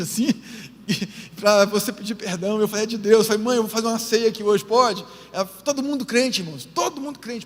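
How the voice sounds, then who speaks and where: A male pastor with a Northeastern Brazilian accent preaches from the pulpit in a high, husky voice. He tells his story with feeling and keeps turning to the congregation. His words ring out with a long reverb through a big church hall. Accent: Brazilian Portuguese, Northeastern. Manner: emotional storytelling, calls the church brothers and sisters. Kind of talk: sermon.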